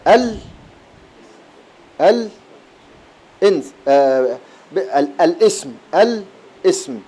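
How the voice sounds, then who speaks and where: A man with an Egyptian Arabic accent teaching Quran recitation in a class, explaining rules and chanting verse fragments, often repeating a word slowly. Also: high-pitched, animated, a little mellow. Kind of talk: classroom lesson on recitation readings. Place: lecture hall at an Islamic boarding school.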